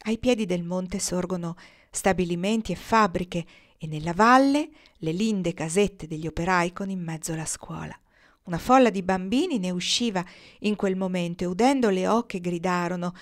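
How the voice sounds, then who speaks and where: Woman reading a storybook aloud. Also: on the low side. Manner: measured, expressive narration. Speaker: audiobook reader.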